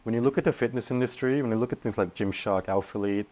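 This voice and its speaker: A young man speaking as a podcast guest, earnest and animated, often restarting his sentences. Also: medium pitch, fast talker. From Australia. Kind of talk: casual podcast interview.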